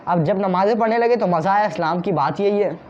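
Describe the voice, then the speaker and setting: A man's voice: sits high, a little fast, dull audio, a little hiss or hum. A man preaching a devotional sermon with fervour, using rhetorical questions to stir his listeners. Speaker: Islamic preacher.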